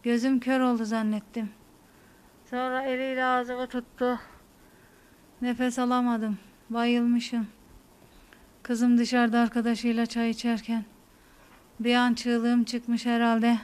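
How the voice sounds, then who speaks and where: A woman in her thirties from Turkey, giving a shaken, fearful testimony to a news camera in halting, repeating phrases. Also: a little high, flat delivery, a little mellow, smooth. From Hatay, Turkey. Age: 30s. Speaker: interviewee.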